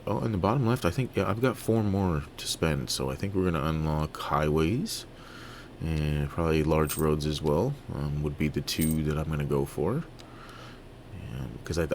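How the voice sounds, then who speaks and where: A man from Toronto giving relaxed, halting let's-play commentary on a city-building game, full of fillers and restarts. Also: very deep voice, creaky, slight background noise. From Toronto, Canada. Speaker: gaming video creator.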